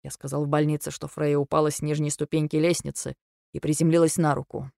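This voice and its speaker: A wounded, bitter young husband in an audiobook, as a woman reader voices him, speaking in a cold, reproachful tone. The voice sits low, and the recording is dry and close, with no room sound. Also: fairly quick, a little mellow, no echo, lightly acted. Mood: cold, hushed. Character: hurt, angry young husband on the phone. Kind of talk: audiobook reading.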